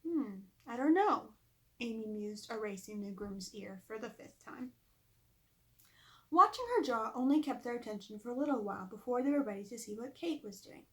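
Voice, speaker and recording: Fairly high, fairly quick and bright with a pushed quality, this woman's voice carries a storybook read-aloud. She is the author of the children's story, reading it expressively and adding conversational asides for her audience.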